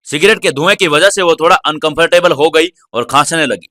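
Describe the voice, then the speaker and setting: A man narrates a serialized audio drama in a steady, even storytelling way. His voice sits slightly high and sounds bright and crisp, recorded dry and close with no room sound. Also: fairly quick, no echo.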